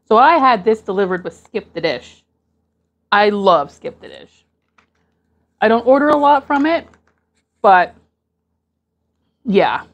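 A woman's voice: medium pitch, expressive, takes it slowly, pauses often, dull audio. Woman chatting while eating noodles. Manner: chatty, eating between remarks. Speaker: mukbang vlogger. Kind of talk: casual eating vlog. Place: living room sofa, indoors. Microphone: lapel mic.

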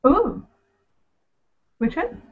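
A woman's voice: very slow, phone-quality sound. A woman co-hosting a live Q&A in a casual video chat, bubbly and rambling with lots of fillers, heard through a computer mic. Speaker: co-host of a live Q&A.

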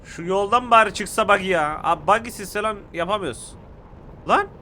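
A young man giving excitable, casual commentary to viewers while playing a mobile shooter game. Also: sits high, moderate pace, slight background noise.

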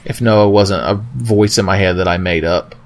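Low-voiced, wry man commentating on gameplay. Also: moderate pace. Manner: wry, sarcastic, swearing. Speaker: video game let's player.

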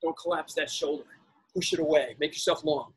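High, husky man coaching like an aerobics instructor. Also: fairly even intonation, a little fast. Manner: encouraging, urging, exerting himself while talking. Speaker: fitness instructor leading a boot camp class. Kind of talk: aerobics instructor calling out exercises and counts. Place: outdoors in a backyard garden. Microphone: camera a few metres away.

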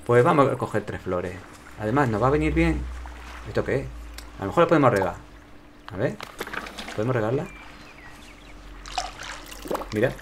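A man with a Spain Spanish accent chatting casually to himself and his viewers while playing a video game. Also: mid-range voice. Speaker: gameplay commentator. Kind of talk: casual gameplay commentary.

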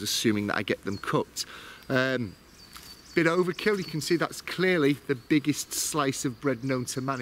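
A man's voice: mid-range voice, fairly bright tone, a little hiss or hum. A man in his forties, a bushcraft vlogger, chatting to camera in a casual, self-mocking way as he explains his kit outdoors in a woodland.

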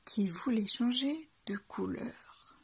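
A woman reading a children's bedtime story aloud in a soft, hushed, unhurried way. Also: fairly high pitch, expressive, creaky, breathy edge.

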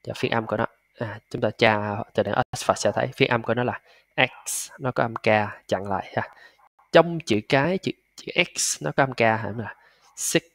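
A man teaching English pronunciation, patiently repeating and drilling each sound slowly. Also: medium pitch, gravelly, fairly bright tone, dry recording. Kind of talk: pronunciation lesson.

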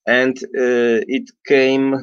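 A middle-aged man, a non-native English speaker, giving an unscripted explanatory talk as a priest, haltingly searching for words and often clearing his throat. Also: mid-range voice, little pitch movement, no echo. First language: not English. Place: small indoor room with bookshelves. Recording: dull lo-fi webcam audio.

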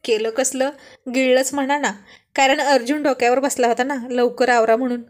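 A woman's voice: sits high, steady tone, normal speed. A woman narrating a story in a playful, chatty way with asides to the listener.

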